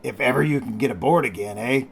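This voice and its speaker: A man's voice: medium pitch, creaky, slightly rough. A man doing Ben Gunn, a cracked old castaway sailor. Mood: pleading. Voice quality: cracked, rusty voice. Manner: slow, drawling sailor's speech. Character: ragged, half-wild old marooned male sailor.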